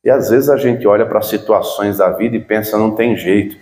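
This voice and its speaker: A man's voice: on the low side, darkish tone. Preaching man in an echoey church. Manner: preaching with emphatic rising repetitions, reading scripture slowly. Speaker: pastor. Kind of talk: sermon.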